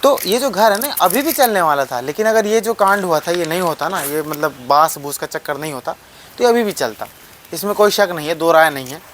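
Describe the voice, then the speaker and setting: A man's voice: on the high side, expressive, fairly quick, fairly bright tone, slight background noise. A young man vlogging a tour of an old mud house, talking straight to viewers in a rambling way and repeating his phrases, recorded on a phone camera. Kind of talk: casual vlog tour.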